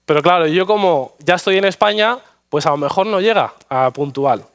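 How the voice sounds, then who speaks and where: A man from Spain with a Madrid accent preaches a sermon in a church sanctuary as a guest preacher, telling anecdotes with self-deprecating humor. His voice sits high and has a slightly bright, clear, resonant tone, and he speaks at a moderate pace.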